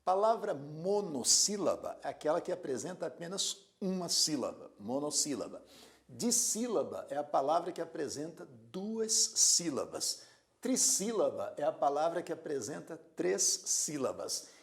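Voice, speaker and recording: A man teaching a grammar lesson, speaking slowly and deliberately, repeating words syllable by syllable and asking the learner rhetorical questions. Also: on the high side, big pitch swings. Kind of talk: classroom lecture.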